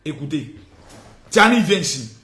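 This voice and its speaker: A man hosting a live stream, taunting and shouting in a theatrical, sing-song rant. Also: a little high, sing-song, normal speed. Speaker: political live-stream host. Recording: echoey room with faint noise.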